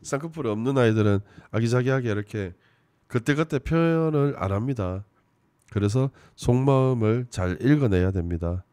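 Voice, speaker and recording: A man giving casual commentary on a TV show, swinging between loud emphasis and low muttering. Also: normal speed, no room sound.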